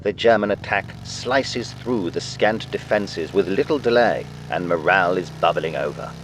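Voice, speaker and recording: A man's voice: sits low, lively intonation, normal speed, fairly bright tone, a little hiss or hum, poor audio. A man reading scripted wartime newsreel narration in a dramatic, declarative way. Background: music under the narration.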